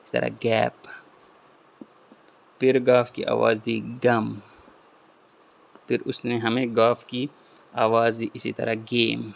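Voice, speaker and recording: Guy explaining phonics rules like a classroom lesson, kinda gravelly, pretty flat tone, repeats every example. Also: mid-range voice. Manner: repeats example words and asks questions he answers himself. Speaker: English phonics teacher.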